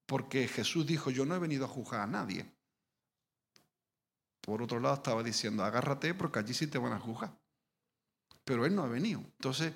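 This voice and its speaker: Man preacher, gravelly, fairly high voice, long hall reverb, chatty teaching. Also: fairly bright tone. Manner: conversational, many restarts and tag questions. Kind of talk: informal Bible teaching.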